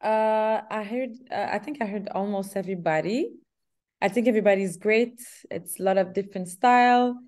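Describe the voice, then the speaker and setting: Mellow-voiced young woman from Canada, halting video-call interviewee. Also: mid-range voice. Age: young adult. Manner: hesitant, restarts often, laughs softly. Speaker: singer interviewee. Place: small room indoors. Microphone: laptop webcam on video call.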